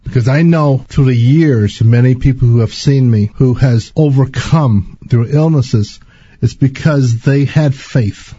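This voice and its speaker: A man giving an earnest personal spiritual testimony in a slow, halting way. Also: medium pitch, mellow, husky, dry recording, highs cut off.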